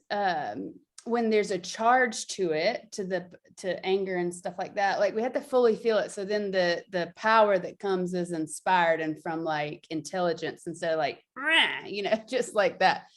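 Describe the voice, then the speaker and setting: A woman's voice: mid-range voice, unhurried. Woman guest explaining a practice; chatty, laughing, filler-heavy delivery. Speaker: guest teacher. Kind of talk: casual explanatory chat.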